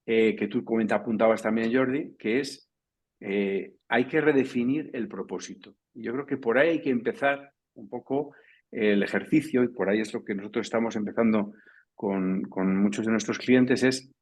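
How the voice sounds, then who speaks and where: A man with a lowish, slightly rough voice speaks at a moderate pace as a panelist in a professional round-table. He talks loosely and discursively, often checking in with the listener by tagging points with "¿no?" and "¿vale?".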